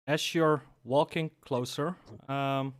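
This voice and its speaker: A man narrating a tabletop game as game master, pausing often with fillers. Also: medium pitch, fairly even intonation. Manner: measured, with frequent pauses and fillers.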